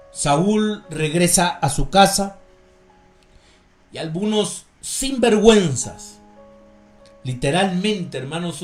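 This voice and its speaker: A man with a Guatemalan Spanish accent delivers a sermon at an unhurried, deliberate pace, his voice sitting somewhat high. He reads scripture and explains it, often turning to his listeners as brothers. The sound is roomy and echoing, with a faint guitar playing behind him. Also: a little mellow. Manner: slow, measured preaching, often addressing listeners as brothers. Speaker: preacher.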